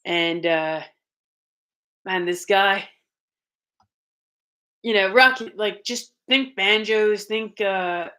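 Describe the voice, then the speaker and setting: A woman's voice: mid-range voice, very slow, pauses often, sharp tone. A young woman co-hosting a casual live stream, talking in a rambling way with many restarts and a lot of feeling. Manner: rambling, restarts often, emotional. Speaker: co-host of a paranormal channel.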